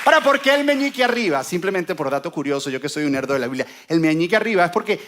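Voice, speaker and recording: A man preaching a sermon, telling a story and joking with the congregation in an animated way. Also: fairly high pitch, rapid-fire, a faint crowd.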